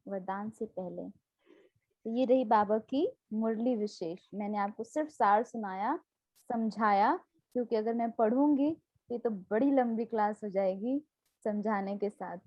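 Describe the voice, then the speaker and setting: A woman's voice: medium pitch, dark tone, dry recording, highs cut off. Woman teacher giving a devotional class. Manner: explains with homely examples, asks listeners questions. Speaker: spiritual teacher.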